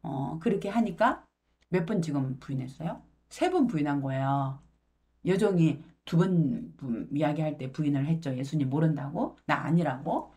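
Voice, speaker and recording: A woman teaching a Bible lesson, explaining verse words and paraphrasing them into everyday speech with a halting, unhurried delivery. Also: low voice, expressive, dark tone.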